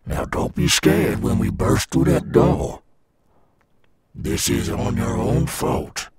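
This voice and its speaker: A man playing a cool, swaggering animatronic alligator rockstar in an ASMR roleplay, gravelly and coaxing, as if talking to a child. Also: fairly low pitch, background noise. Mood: resigned, menacing. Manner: slow, coaxing, addressing a child listener. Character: cool, swaggering male animatronic alligator rockstar guarding his golf course.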